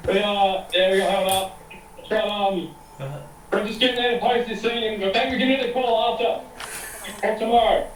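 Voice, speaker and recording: A man leaving a voice message while running, out of breath, hurried and apologetic. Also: high voice, fairly even intonation, noisy background. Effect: voice message played back. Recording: echoey, distant voice note with music.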